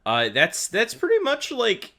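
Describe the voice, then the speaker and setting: Excitable man in lively gaming chat. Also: measured pace. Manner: excitable, jumps into high-pitched exclamations. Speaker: podcast co-host.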